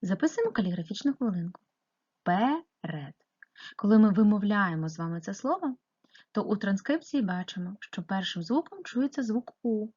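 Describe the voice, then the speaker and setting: Female primary teacher, patient and questioning, breathy voice, muffled recording. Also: medium pitch, lively intonation, fairly quick, darkish tone. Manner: patient, questioning, explaining step by step. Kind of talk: remote lesson narration.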